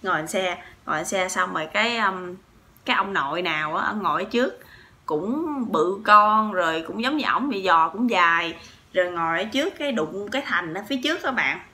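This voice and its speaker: A woman from southern Vietnam with a Southern Vietnamese accent, telling a story to her viewers in a chatty, animated way full of fillers and asides. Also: on the low side, a little fast. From Sóc Trăng, southern Vietnam. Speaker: vlogger.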